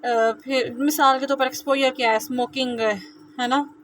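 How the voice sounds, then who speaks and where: A young woman with a Pakistani accent, teaching research methods casually and reading English lines slowly from her notes. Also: high-pitched, fairly even intonation, a bit bright, slight background noise, rough recording. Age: young adult. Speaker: physiotherapy student teaching. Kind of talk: informal lecture walkthrough.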